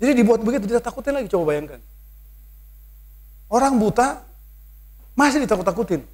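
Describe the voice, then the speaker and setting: A man with an Indonesian accent preaching a sermon in church, mixing English phrases into his talk and building to loud, emphatic calls. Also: sits high, very animated, normal speed.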